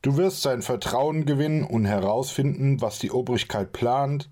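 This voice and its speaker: A man's voice: mid-range voice, moderate pace, voice pushed up, natural voice. A man doing a short-tempered commanding leader. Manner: barking orders, scolding.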